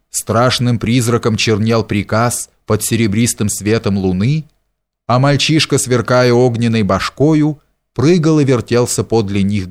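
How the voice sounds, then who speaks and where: A man narrating a historical tale as an audiobook reader, in a measured storytelling manner. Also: mid-range voice, a little mellow.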